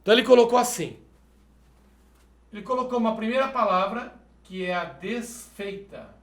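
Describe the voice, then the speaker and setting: A man with a high, animated voice works through math exercises at a moderate pace, and the sound is roomy. As the teacher of this video lesson, he explains methodically, step by step, regularly checking in with a quick "perfeito?".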